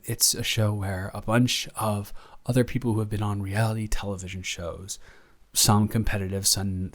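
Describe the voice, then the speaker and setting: A young man with a voice on the low side performs an improvised, intimate audio roleplay as a devoted and flustered roommate. His manner is calm and chatty, with halting, rambling speech that is both affectionate and teasing.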